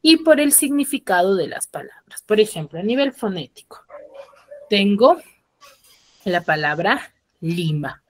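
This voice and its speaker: A woman teacher from the highlands, giving an online class and checking in with her students through frequent tag questions. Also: very animated, measured pace, long pauses. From Peruvian highlands.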